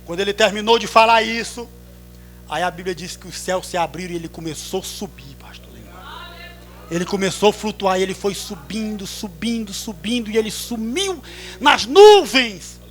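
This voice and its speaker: High-pitched fervent Brazilian preacher. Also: male voice, soft background music. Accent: Brazilian Portuguese. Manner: fervent, swings from hushed storytelling to drawn-out shouts. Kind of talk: sermon. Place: church service.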